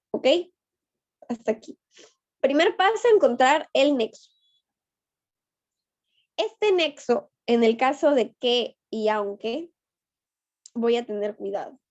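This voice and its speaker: Woman teacher, high voice, unhurried and patient, on a dull lo-fi recording. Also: a little mellow. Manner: patient, coaxing, asks students questions. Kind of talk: online class lesson. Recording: dull lo-fi online class audio.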